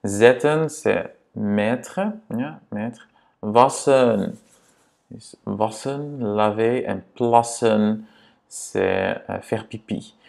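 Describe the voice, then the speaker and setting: A man teaching grammar to beginners, patient and repetitive, checking in often with a quick "ok?". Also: lowish voice, gravelly, a little mellow. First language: Dutch. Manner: patient, repeats words and checks in with "ok?". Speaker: language teacher.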